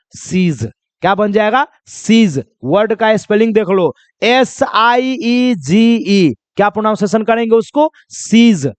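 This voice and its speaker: A man teaching English pronunciation in a classroom-style lesson, asking questions and answering them himself, and slowly spelling out letters. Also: extremely high pitch, clean tone, no room sound. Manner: repetitive call-and-answer teaching, asking then answering his own questions; drawn-out slow spelling of letters.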